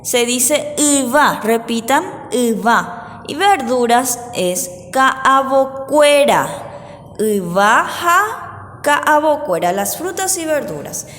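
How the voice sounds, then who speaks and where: A woman teacher giving a patient lesson to pupils, slowly repeating each word for them to say back. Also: sits high, animated, a bit bright, long reverb tail. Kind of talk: remote class lesson.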